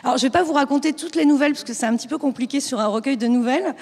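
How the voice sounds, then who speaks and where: A woman's voice: sits high, very fast, darkish tone. A woman bookseller presenting a book at a panel, fluent and enthusiastic. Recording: long hall reverb.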